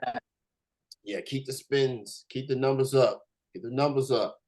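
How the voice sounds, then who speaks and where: An American man interviews a guest in a casual, conversational style. His voice sits at a middle pitch, and he talks haltingly, often doubling back on his words. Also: a little mellow. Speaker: interviewer, host.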